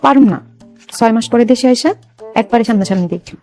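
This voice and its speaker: An actress playing a shy young village bride, coy and bashful. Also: female voice, a little high, fast talker, warm tone, soft background music, lightly acted. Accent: Bangladeshi Bengali. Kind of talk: comic short drama acting.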